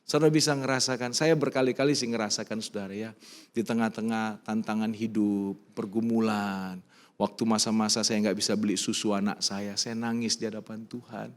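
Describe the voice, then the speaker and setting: A middle-aged man with an Indonesian accent, a pastor preaching a sermon, animated and emphatic at times and soft and personal when telling his own stories, mixing in English phrases. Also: lowish voice, fairly quick. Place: church sanctuary.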